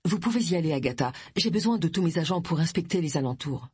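Brief: brisk no-nonsense male cop, read by a woman, curt orders, husky, dry delivery. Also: sits low, lively intonation, darkish tone, no echo, full character voice. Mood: commanding. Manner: curt, commanding. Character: brisk male police detective, calm authority.

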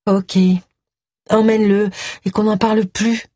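A woman's voice: medium pitch, level tone, unhurried, warm tone, dry recording, studio quality, voice pushed up, lightly acted. A woman voicing a matter-of-fact male police officer in an audiobook reading.

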